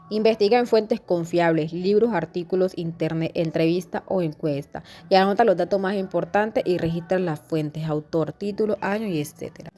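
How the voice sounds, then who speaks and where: A woman reading class notes aloud in a steady, instructional way. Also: on the low side. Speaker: student presenter.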